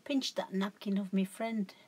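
A woman's voice: mid-range voice, normal speed, a little mellow, breathy edge. A woman casually showing her crafts at home, rambling and correcting herself as she goes. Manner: rambling, chatty, self-correcting. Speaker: craft vlogger. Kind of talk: casual show-and-tell chat.

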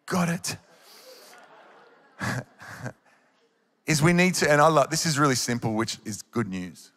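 Here an Australian worship leader in his thirties preaches on stage in a large church auditorium, holding a handheld microphone and sounding earnest and encouraging. His slightly high, fairly bright voice is expressive and a little slow. The sound has live hall reverb.

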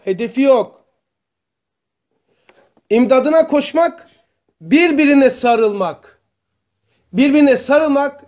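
A man teaching a religious study group, explaining terms slowly and asking his students questions. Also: very high-pitched, darkish tone. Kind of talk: religious lesson to a small group.

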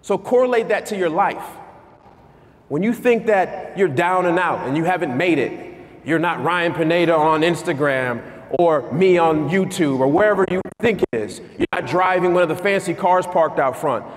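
A man in his thirties giving an energetic motivational keynote on stage in a large conference hall, asking the crowd questions. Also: fairly high pitch, moderate pace. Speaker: keynote speaker. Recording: long hall reverb.

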